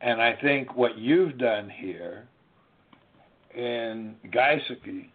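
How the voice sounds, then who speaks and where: A man hosting a legal talk show, speaking slowly and deliberately with many fillers and restarts. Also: medium pitch. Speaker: show host. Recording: tinny phone-line sound.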